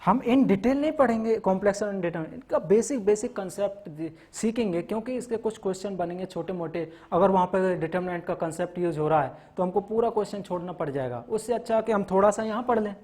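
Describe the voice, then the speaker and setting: A man's high, slightly mellow voice moves quickly with few pauses as he teaches maths to a class. He explains step by step while listing topics, blends in English terms, and checks on students frequently with "theek hai na."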